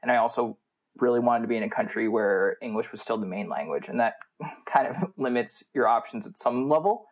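Here a male MBA student from the United States guests on a podcast, fielding interview questions in a relaxed, chatty way. He has a medium-pitched voice, lively intonation and a fairly quick pace.

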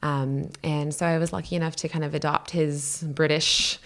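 A low-pitched woman in her thirties, originally from Canada, talks as a podcast guest. She rambles casually, fills pauses with "um" and "yeah", and laughs easily. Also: little pitch movement. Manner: chatty, laughing, lots of fillers like "um" and "yeah". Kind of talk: casual interview chat.

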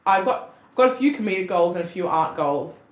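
A woman's voice: on the low side, brisk. A young woman with a broad Australian accent, chatting casually and bluntly on a comedy podcast, swearing freely as she tells stories. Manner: sweary, blunt, animated storytelling. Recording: roomy, echoey sound.

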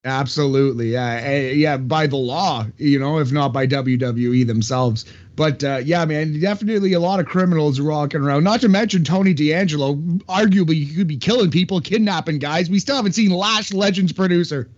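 A man's voice: on the high side, brisk, hardly any pauses, muffled recording. A man co-hosting a casual wrestling podcast, talking in an easygoing, rambling way. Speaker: podcast co-host. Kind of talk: casual wrestling recap chat.

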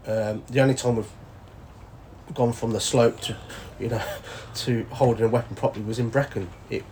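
This ex-soldier, a guest in a relaxed storytelling interview, laughs a lot and imitates the people he describes. He speaks at a moderate pace in a steady, slightly mellow mid-range voice, with faint background noise behind him.

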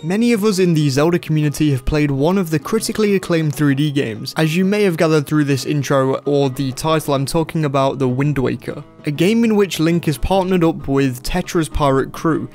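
A man's voice: a little high, a little fast, few pauses, darkish tone. A man hosting a podcast in an enthusiastic, earnest scripted delivery. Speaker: podcast host. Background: faint background music.

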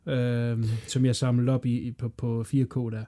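Mellow man, swearing podcast co-host. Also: mid-range voice, level tone. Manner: loose, swearing, talks over his partner. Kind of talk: casual film review chat.

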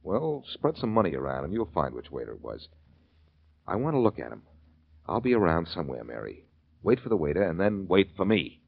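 A cool-headed, wry adventurer hero from an old radio show. His voice is very deep, and his pitch rises and falls a lot as he talks. The sound is dull and muffled, like a vintage radio recording. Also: very animated, fairly quick, gravelly, breathy edge, full character voice. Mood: urgent. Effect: old radio show broadcast. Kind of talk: 1940s radio acting.

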